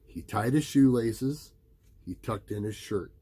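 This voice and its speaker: Animated man reading a storybook to a young child. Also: lowish voice, slightly rough. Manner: reading aloud to a young child, pausing to chat and ask questions.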